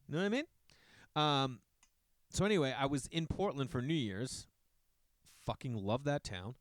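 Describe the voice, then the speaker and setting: A man's voice: mid-range voice, normal speed, no echo. A middle-aged man from Massachusetts hosting a podcast, rambling casually with profane asides to his listeners. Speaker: podcast host. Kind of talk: casual monologue.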